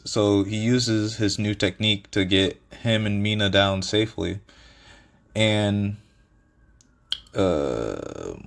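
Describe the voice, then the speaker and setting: A low-pitched man makes up a fan story as he goes, rambling and stopping to rethink. He talks slowly, with lots of fillers and restarts, and laughs lightly at his own jokes. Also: creaky. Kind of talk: casual improvised narration.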